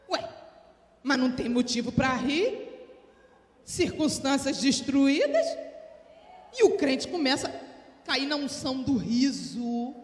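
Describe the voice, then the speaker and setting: Woman preacher, Brazilian accent, sermon, call-and-response, long reverb. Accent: Brazilian Portuguese. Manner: calls for audience responses; animated, sudden rises in pitch and volume. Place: church hall. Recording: echoey hall with long reverb.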